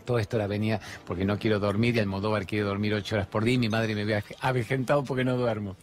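A man in his fifties with an Argentine accent, hosting a spiritual talk show and delivering an animated monologue full of rhetorical questions. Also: fairly low pitch, quick pace. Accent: Argentine Spanish. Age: 50s.

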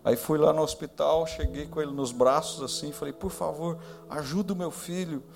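A man, a pastor, telling a personal story in a sermon, acting out quoted voices high and loud, then dropping to hushed tones. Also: fairly even intonation, moderate pace, vocal fry. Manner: drops to hushed tones in tender moments.

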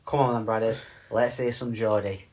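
A man's voice: lowish voice, steady tone, normal speed, darkish tone. A middle-aged man, co-hosting a casual podcast with a playful, teasing and mock-stern manner. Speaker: podcast co-host. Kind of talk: casual chat.

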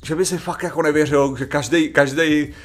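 Muž, spolumoderátor podcastu, v uvolněném rozhovoru obšírně a živě vysvětluje. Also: male voice, on the high side, steady tone, soft background music. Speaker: podcast co-host. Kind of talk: casual chat.

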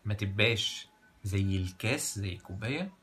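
A man's voice: lowish voice, animated, a little fast, a bit bright, a little hiss or hum. A man with an Egyptian Arabic accent telling a moral tale as a colloquial, traditional oral storyteller.

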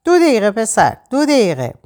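A harried man running a busy bar, as a woman reads him aloud, tripping over his own sentences. His voice sits high and swings widely. Part of an audiobook reading. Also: huge pitch swings, a little mellow. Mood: flustered. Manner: halting, stammering restarts. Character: harried male bar manager, irritated then worried.

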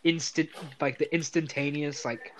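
Young man, slightly high voice, halting jokey chat, crowd chatter behind. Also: fairly even intonation. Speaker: podcast co-host and songwriter. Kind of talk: casual chat.

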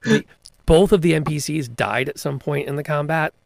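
Gravelly-voiced man recapping a game. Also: on the high side, moderate pace, dry recording. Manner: enthusiastic storytelling with many restarts. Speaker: podcast co-host, game master. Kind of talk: casual chat about tabletop gaming.

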